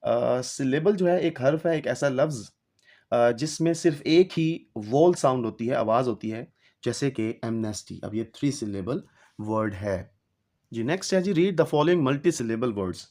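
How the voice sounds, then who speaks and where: A man teaching an English textbook exercise, reading each English line slowly and then explaining it in Urdu. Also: mid-range voice, lively intonation, a little mellow.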